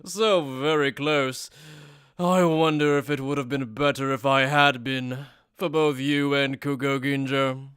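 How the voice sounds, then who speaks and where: A man's voice: mid-range voice, steady tone, a little slow, a bit bright, clear, resonant tone, dry recording, clean studio sound, lightly acted. A man playing a smug, sadistic aristocratic death god, with mocking, overacted anime-dub theatrics. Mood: gleeful, teasing. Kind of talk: anime fan-dub character acting.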